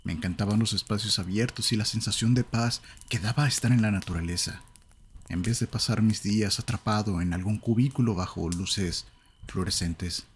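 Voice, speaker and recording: A man with a Latin American Spanish accent narrates a horror tale in a calm, measured way. His voice sits low. A faint hiss runs under the recording.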